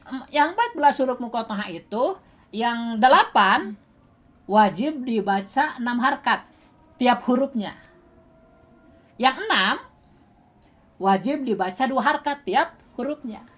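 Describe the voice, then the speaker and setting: A woman's voice: fairly high pitch, expressive, a little slow, pauses often, fairly bright tone. A woman with a Sundanese-tinged Indonesian accent teaching Quran recitation in a classroom lesson. She quizzes her students, counts out beats aloud and laughs often.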